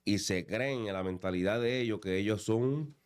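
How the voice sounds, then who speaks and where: A man hosting a faith podcast, with a lowish voice. He talks like a preacher, building exhortations around his questions. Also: normal speed, smooth. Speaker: podcast host. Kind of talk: interview, preaching tone.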